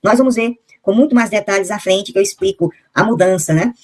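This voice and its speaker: Woman teaching names in the Bible. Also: mid-range voice. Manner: reads out name lists and verses, slowly spelling out foreign names. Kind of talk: explanatory Bible lesson with slides.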